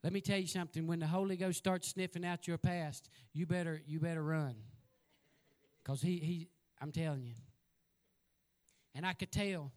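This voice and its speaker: Male evangelist, high voice, folksy storyteller who builds to loud exhortation. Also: fairly even intonation, moderate pace. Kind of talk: sermon.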